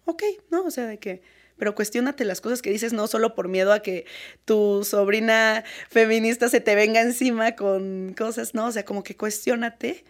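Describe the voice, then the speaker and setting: A woman's voice: a little high, moderate pace. A young woman with a Mexican accent, speaking earnestly and with animation as a guest in a casual interview, often breaking into laughter.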